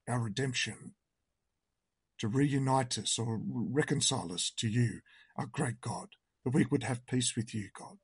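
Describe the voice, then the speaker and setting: The speaker leads worship online, reading a hymn and praying in a reverent, earnest, unhurried way. His voice is mid-range, croaky and hoarse, captured without any room sound.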